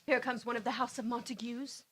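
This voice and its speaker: A woman's voice: on the high side, little pitch movement, a little fast, a bit bright, a little hiss or hum, lightly acted. Woman reading a brash young servant. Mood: teasing. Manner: teasing, laughs between lines. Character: brash young male servant picking a fight. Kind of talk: amateur script reading.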